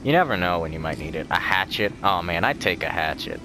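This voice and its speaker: A man's voice: low voice, expressive, brisk, background noise. A young man hosting a casual let's-play, rambling and joking as he goes, often correcting himself. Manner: chatty, rambling, jokey, with self-corrections. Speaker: gaming channel host. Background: game music.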